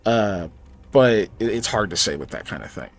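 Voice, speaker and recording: A man's voice: lowish voice, expressive, normal speed. A man casually narrating a tabletop game as game master, explaining things in hesitant, broken-up phrases.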